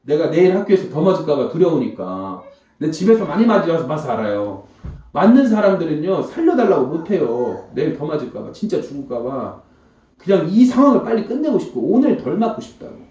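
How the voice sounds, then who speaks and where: Man telling an animated church testimony. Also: fairly high pitch, a little fast, distant mic. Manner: animated storytelling, acting out quoted voices. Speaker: comedian giving a church testimony. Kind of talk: emotional testimony talk. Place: church hall before a congregation. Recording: echoey church hall, mic from afar.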